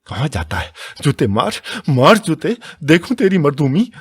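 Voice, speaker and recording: A man voicing a fierce, sharp-tongued middle-aged village woman who scolds and wails in a high, strained voice. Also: sing-song, normal speed, creaky, breathy edge, full character voice. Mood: shrieking. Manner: shrieking, scolding, wailing.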